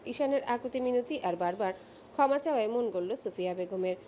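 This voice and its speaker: A woman narrating a romantic audio story in a steady, expressive storytelling voice. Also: a little high, fairly quick, a little hiss or hum.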